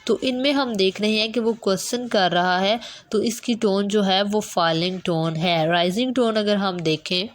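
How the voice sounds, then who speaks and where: A woman teaching a recorded video lesson at a middle pitch. She explains patiently and step by step, switching to English terms mid-sentence. She slows right down to draw out her example sentences. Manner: draws out example sentences slowly to show pitch.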